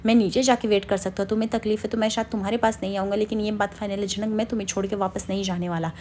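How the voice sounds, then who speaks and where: A lovesick young husband from a TV drama insists he will not leave and pleads to be understood, voiced by a woman narrator. His words come fast and insistent, at a middling pitch. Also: little pitch movement, darkish tone, slight background noise, close to an everyday voice. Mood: pleading.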